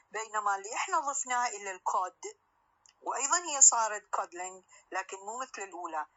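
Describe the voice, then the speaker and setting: Bright-voiced Iraqi woman teaching phonetics. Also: mid-range voice, highs cut off. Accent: Iraqi Arabic. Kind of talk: recorded lecture mixing Arabic and English.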